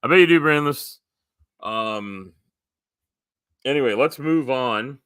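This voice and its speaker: A man hosting a casual livestream chat, rambling with lots of fillers and going hoarse. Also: medium pitch, slow pace, fairly bright tone, dry recording, clean studio sound. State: losing his voice. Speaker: live stream host.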